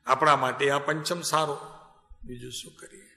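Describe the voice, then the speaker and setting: A man's voice: medium pitch, fairly even intonation, moderate pace, pushed and bright. A man giving a devotional sermon as a spiritual teacher, talking with his listeners and calling on them by name. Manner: conversational, calls on listeners by name. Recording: echoey hall reverb.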